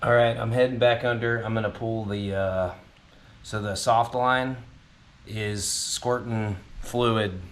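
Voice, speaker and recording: This garage-channel host speaks in a fairly low, fairly bright voice. He narrates casually while wrenching on a car in his home garage, at it and beneath it, rambling and poking fun at himself.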